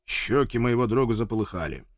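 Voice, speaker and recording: A man's voice: mid-range voice, lively intonation, fairly quick, no echo, studio quality. A man reading a first-person audiobook in a wry, sardonic way. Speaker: audiobook narrator.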